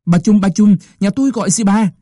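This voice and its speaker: A nervous young peasant husband calls out eagerly, as the male storyteller voices him. His voice rises a little above the narration, and it stays mellow and dark in tone. The sound is dry and close, like an audiobook. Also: a little high, expressive, moderate pace, no echo. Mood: anxious.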